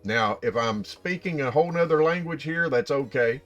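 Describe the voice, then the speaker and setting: Folksy guy w/ appalachian hillbilly accent, mid pitch, chatting to his youtube viewers, faint music under it. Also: lively intonation, moderate pace, a bit bright, highs cut off. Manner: folksy, addresses viewers directly. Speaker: YouTube channel host. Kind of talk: casual explainer talk to viewers.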